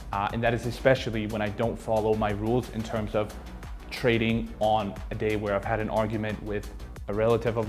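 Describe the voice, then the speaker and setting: A man, an experienced trader, answering reflectively in a conversational way. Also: lowish voice. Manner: reflective, conversational, tag questions like "right?". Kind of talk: casual interview answer.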